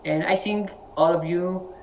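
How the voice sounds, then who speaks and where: A Colombian man with a Spanish accent hosts a casual English practice group over a video call, sounding friendly but halting as he keeps repeating words. His voice sits high with fairly even intonation and a slightly mellow quality. There's a little background noise.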